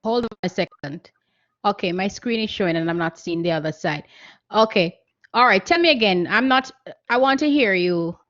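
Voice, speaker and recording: A woman's voice: mid-range voice, expressive, normal speed, fairly bright tone. Woman teaching diction over a muffled video call. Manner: earnest, instructive, repeats key points. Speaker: guest speaker. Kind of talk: online seminar talk on voice training.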